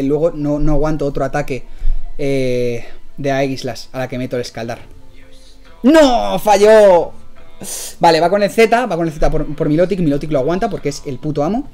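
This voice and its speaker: A young man with a Spain Spanish accent, a streamer giving live commentary on his own game, excitable and chatty, breaking into high yells and laughs. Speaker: streamer and guest instructor.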